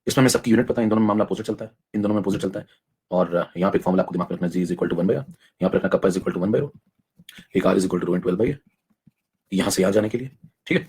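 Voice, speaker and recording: A young adult man teaching chemistry in a live online class, coaxing students along and saving his voice by speaking softly. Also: low voice, slightly rough. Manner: rapid, coaxing, mixes in English technical terms.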